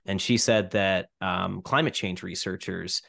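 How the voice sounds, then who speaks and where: A man's voice: sits low, steady tone, a little slow, creaky, a bit bright. A man co-hosting a podcast who talks in a hesitant, casual way, full of ums, recorded over a video call. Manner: hesitant, filler-heavy. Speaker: podcast co-host. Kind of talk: casual interview chat.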